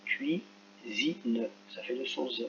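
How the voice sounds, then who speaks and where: A man's voice: medium pitch, lively intonation. Male teacher, patient step-by-step lesson, slightly dull recording, faint hum behind. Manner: slow, careful, spells out sounds. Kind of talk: screen-recorded lesson correction.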